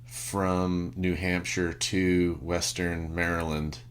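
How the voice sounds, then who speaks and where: Slow, deep-voiced man ranting casually. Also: flat delivery, slight background noise. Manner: rambling, ranting, swears, many fillers. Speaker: podcast co-host. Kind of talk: unscripted casual chat.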